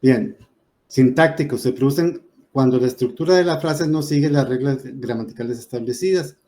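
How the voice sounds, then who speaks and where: Un hombre con acento mexicano da una clase de gramática, explica con ejemplos y rellena pausas con "este". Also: male voice, mid-range voice, mellow, slight background noise. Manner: explains with examples, many "este" fillers. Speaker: teacher. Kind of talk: class lecture.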